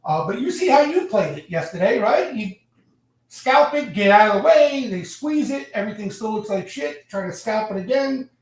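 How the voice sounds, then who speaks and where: A man's voice: high-pitched, big pitch swings, moderate pace. A man from Long Island hosting a trading stream, giving blunt, profane market commentary full of fillers. His voice sounds like it is in a cave. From Long Island, New York. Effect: cave-like echo, far from the mic. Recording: cavernous echo, distant mic.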